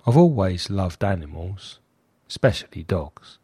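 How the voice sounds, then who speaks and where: A man playing an anonymous professional hitman in a scripted monologue, matter-of-fact and deliberate, with a disguised deep voice. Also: sing-song, mellow, husky, no echo, studio quality, full character voice. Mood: guarded, matter-of-fact. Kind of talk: scripted first-person monologue.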